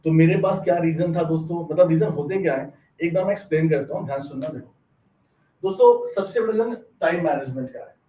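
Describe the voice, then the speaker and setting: दूर से गूंजती गहरी भारतीय पुरुष आवाज़. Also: male voice, on the high side, fast talker, mellow. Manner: friendly, addresses viewers as friends. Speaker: bank exam teacher. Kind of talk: explanatory lecture. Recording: distant mic in echoey room.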